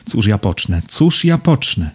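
A man's voice: mid-range voice, fairly quick, warm tone, pitched above the performer's own voice, natural voice. A man voicing a fawning, panicky older businessman who lisps and pleads for help in an audiobook. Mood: desperate. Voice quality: lisping. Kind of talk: audiobook character voice.

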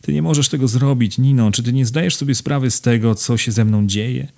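A man's voice: mid-range voice, a little fast, gravelly, warm tone, voice pushed up, natural voice. A man reading aloud and voicing a passionate young woman who begs her friend with rising emotion. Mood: pleading. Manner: imploring, emotional.

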